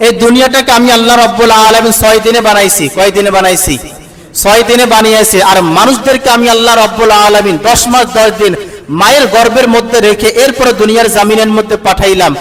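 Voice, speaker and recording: A man preaching a sermon with a Bangladeshi Bengali accent. He keeps asking his listeners questions and answering them himself, and at times slows into sung recitation. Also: high-pitched, a bit bright, poor audio. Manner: call-and-response, asks the crowd and answers himself; slow sung Quran recitation.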